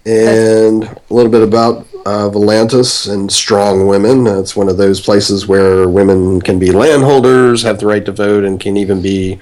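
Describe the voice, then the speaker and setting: A man's voice: lowish voice, steady tone, moderate pace, hardly any pauses, a little mellow. A male podcast host in casual discussion, hesitant, with many fillers.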